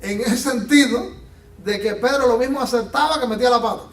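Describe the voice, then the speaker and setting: A man's voice: extremely high pitch, fairly quick, a bit bright. Guy preaching a sermon, acts out the scenes, lots of room echo, mic kinda far off. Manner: preaches animatedly, acting out Bible scenes. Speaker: pastor. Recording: echoey room from a distance.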